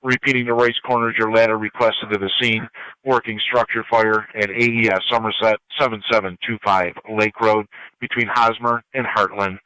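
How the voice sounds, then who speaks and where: A man's voice: on the low side, flat delivery, moderate pace, sharp tone, clear, resonant tone, dry recording, rough recording. An American man working as a fire dispatcher, making urgent, clipped, procedural announcements over two-way radio. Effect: two-way radio transmission. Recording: fire scanner radio stream.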